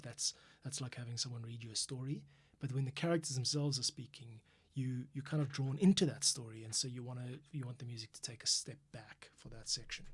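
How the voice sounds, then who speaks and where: A man's voice: medium pitch, breathy edge. A man composing for an audio drama, casually thinking aloud and explaining his steps during a livestream from a home studio. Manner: relaxed, thinking aloud, self-correcting.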